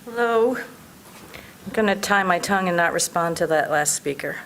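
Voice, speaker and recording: A woman's voice: on the low side, moderate pace, fairly bright tone, slight background noise, rough recording. Earnest woman giving public comment. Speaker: public commenter at a city council meeting. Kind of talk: prepared advocacy speech. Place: public meeting room.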